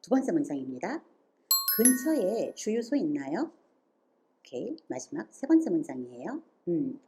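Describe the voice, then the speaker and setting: Lively Korean woman teaching English. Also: lowish voice, a little hiss or hum. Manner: lively, questioning the viewer, reads English examples slowly. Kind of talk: online grammar lesson.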